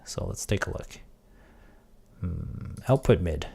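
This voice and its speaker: A man streaming casually, thinking aloud as he works on audio software and trailing off into quiet mutters. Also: deep voice, lively intonation, takes it slowly, creaky, very noisy. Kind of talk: casual tech livestream.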